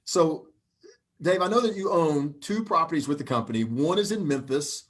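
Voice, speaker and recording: A man's voice: a little high, expressive, moderate pace. A man with a Southern US accent hosting a live video interview, upbeat and talkative. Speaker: show host.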